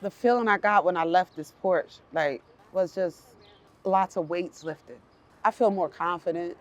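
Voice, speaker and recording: A woman's voice: fairly low pitch, unhurried. Emotional, talkative middle-aged woman guest. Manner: emotional, talkative, laughs often. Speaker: interview guest. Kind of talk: casual outdoor conversation. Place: outdoors on a porch.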